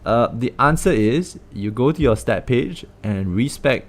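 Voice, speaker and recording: Animated Singaporean man streaming games. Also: mid-range voice, unhurried. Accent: Singaporean English. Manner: animated, swearing, joking, frequent exclamations. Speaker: game streamer. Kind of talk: casual livestream gaming commentary.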